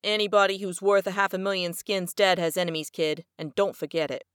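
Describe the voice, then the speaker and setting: Casting: woman voicing a callous tough-guy male detective, lowish and dry, blunt slang. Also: steady tone, brisk, fairly bright tone, clean tone, no room sound, lightly acted.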